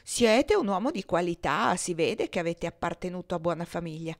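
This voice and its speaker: A woman reading as a loud, jeering male buffoon in an audiobook, mocking and mimicking others with a raised, bright voice. He sounds playful and provocative, pitched higher and louder than the narration. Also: animated, brisk, gravelly.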